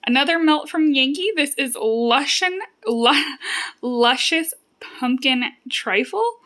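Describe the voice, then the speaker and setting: Higher-pitched woman, chatty review vlogger. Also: slow pace, a bit bright. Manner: chatty, conversational. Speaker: YouTube host reviewing home fragrance products. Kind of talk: casual product review vlog.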